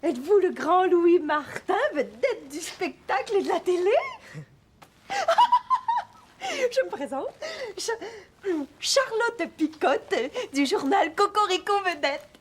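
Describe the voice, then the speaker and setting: An actress with a Quebec French accent playing a giggly, chatty celebrity reporter in a children's TV show, speaking slowly and theatrically. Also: female voice, very high-pitched, lively intonation. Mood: fussy.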